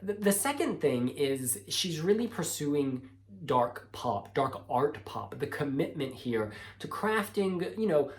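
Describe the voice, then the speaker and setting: A woman's voice: low-pitched, a little mellow. A woman hosting a music reaction video, giving enthusiastic commentary in an effusive, exclamatory way with dramatic phrasing. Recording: music playing behind the voice.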